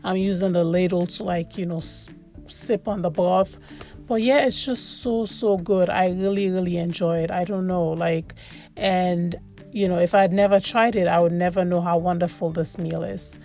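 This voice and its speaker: Chatty woman with a creaky voice. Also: on the low side, fairly even intonation, moderate pace, dark tone, faint music behind. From Sierra Leone. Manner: chatty, repeats words for emphasis. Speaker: food vlogger. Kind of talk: casual voice-over commentary on a meal.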